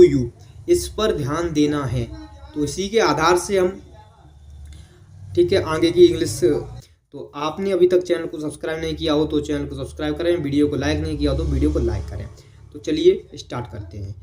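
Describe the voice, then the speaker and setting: A man's voice: fairly high pitch, a little mellow. A man teaching a basic spoken-English lesson online, repeating points and checking in with the viewer after almost every phrase. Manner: repetitive teaching, constant "theek hai?" check-ins, quizzing the viewer.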